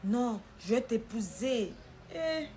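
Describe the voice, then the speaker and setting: A young woman tells a personal story, acting out the quoted lines in a lively way. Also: a little high, takes it slowly, background noise.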